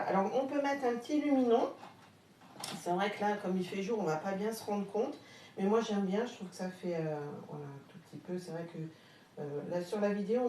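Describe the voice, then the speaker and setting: Her voice is mid-range and dark-toned as this French craft live-streamer, speaking with a Haute-Marne accent, runs a relaxed crafting demo. She talks with her viewers and frequently pauses on filler words, captured in a distant, roomy recording with a slight background hum.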